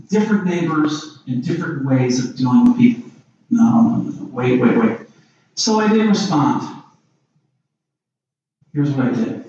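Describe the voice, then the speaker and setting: Animated pastor preaching in an echoey church. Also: male voice, fairly high pitch, slight background noise. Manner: animated storytelling, asks the congregation questions. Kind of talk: sermon. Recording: roomy echo, distant lo-fi mic.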